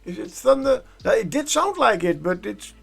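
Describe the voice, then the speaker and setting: A man's voice: very high-pitched, very animated, moderate pace, gravelly, husky, soft background music. A man chatting casually on a live painting stream, rambling and correcting himself with jokey asides into a desk microphone.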